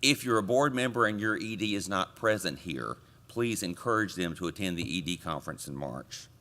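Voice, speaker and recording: A man chairing a committee, delivering a conference report from a podium microphone with relaxed joking asides to the audience. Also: sits low, normal speed. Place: conference meeting room.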